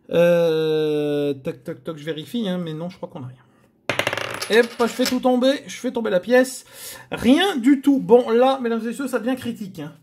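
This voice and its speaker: A man hosting a scratch-card video, giving chatty, theatrical commentary to his viewers as he scratches. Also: high voice. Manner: chatty, theatrical, addresses viewers, frequent groans. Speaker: host.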